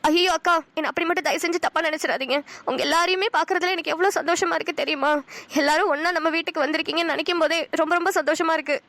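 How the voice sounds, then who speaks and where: A woman voicing a bright, earnest housewife. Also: very high-pitched, steady tone, rapid-fire, dry recording. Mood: heartfelt. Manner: earnest, heartfelt. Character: warm-hearted married woman, grateful and emotional. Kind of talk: cartoon voice acting.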